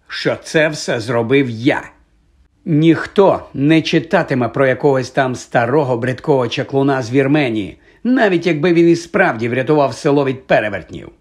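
A man's voice: medium pitch, normal speed, darkish tone, close to an everyday voice. A man voicing a vain, flustered male celebrity wizard professor who stammers through hesitant fillers in pompous speeches. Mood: pompous, lecturing.

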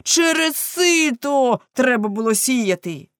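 Shouting grumpy baker man, slow heavy yelling, dry close sound, woman putting him on. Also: a little high, lively intonation, no echo, natural voice. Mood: angry.

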